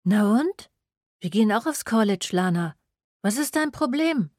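A woman's voice: mid-range voice, expressive, unhurried, darkish tone, dry recording, studio quality, pitched above the performer's own voice. A woman voicing a broke young student who whines and snaps back defensively. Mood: protesting. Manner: whiny, defensive.

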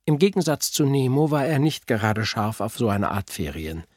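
A man narrating a children's audiobook, with expressive storytelling. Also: medium pitch, moderate pace, no echo, clean studio sound.

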